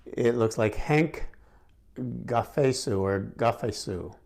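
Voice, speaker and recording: Slow, gravelly and a little mellow, this middle-aged man's mid-range voice carries a casual gemstone Q&A he hosts to camera. As the instructor, he stays friendly and chatty, with plenty of fillers and restarts.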